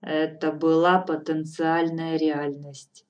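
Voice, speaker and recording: A woman's voice: low voice, flat delivery, slow, highs cut off. Woman voicing a blunt old fortune-teller. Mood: calm. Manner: cool, matter-of-fact, firmly lecturing. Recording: distant from mic, faint music behind.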